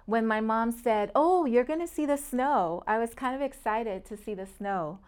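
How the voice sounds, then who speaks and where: A woman's voice: a little high, moderate pace, a little mellow, clear, resonant tone. A middle-aged woman from Puerto Rico, a real estate agent guest talking earnestly and in detail in a casual interview, often laughing between points.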